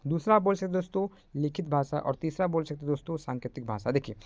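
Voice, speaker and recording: A man's voice: fairly high pitch, animated, fast talker, dry recording. A young man teaching an online class in a casual, chatty way, often calling his listeners friends.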